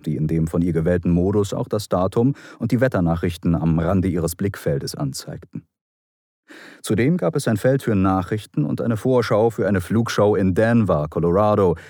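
Deep-voiced male audiobook narrator. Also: dark tone, no echo, clean studio sound. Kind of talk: scripted narration.

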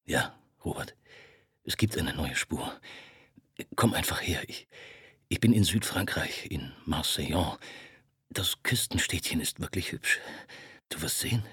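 A cracked, stammering man slurring half-whispered words down a deep low register, as an audiobook reader puts him on. His rough, husky voice falters and breaks off mid-phrase, recorded close and dry. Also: animated, a little slow, pauses often, sharp tone, dry recording, full character voice. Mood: urging. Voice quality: cracked, brittle voice. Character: broken-voiced troubled middle-aged man, drunk-sounding. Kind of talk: audiobook dialogue.

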